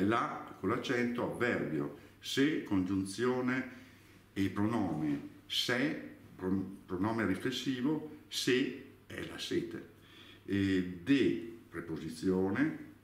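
A man giving a slow dialect lesson, reading out example words one by one. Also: sits low. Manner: deliberate, spells out examples word by word. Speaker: dialect teacher. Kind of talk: slow spoken lesson, reading out word lists. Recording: echoey room, voice from a distance.

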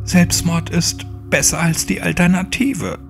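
A man's voice: unhurried, creaky, over music. A man doing a frightened, pleading young captive. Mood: desperate. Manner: high, strained, pleading.

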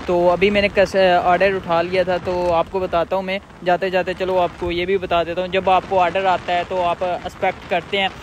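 A man's voice: high-pitched, completely flat delivery, normal speed, few pauses, a little hiss or hum, low-quality recording. A man vlogging as a food delivery rider, chatting casually and repetitively while riding outdoors on a night road. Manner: repetitive, chatty, explains steps plainly.

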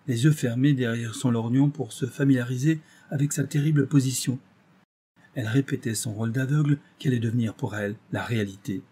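A man narrating a literary audiobook at a measured pace, expressive in his delivery. His voice is mellow and dark, with a husky edge. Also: medium pitch. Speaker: audiobook reader.

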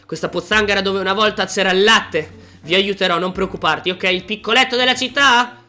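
A man doing excitable, exclamatory let's-play commentary, chatting to his viewers. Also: sits high, a little fast. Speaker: gaming youtuber.

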